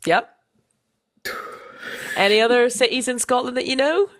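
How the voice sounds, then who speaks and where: A woman's voice: on the high side, moderate pace. A young woman co-hosting a casual podcast chat, playful and self-mocking, often restarting her sentences. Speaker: podcast co-host.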